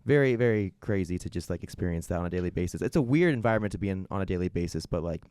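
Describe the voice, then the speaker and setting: A man's voice: low voice, lively intonation, a little mellow, clean tone, dry recording, clean studio sound. A man in his twenties, a touring musician who also works as a nurse, talking earnestly in a casual interview. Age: 20s. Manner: fast, earnest and reflective. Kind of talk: casual chat.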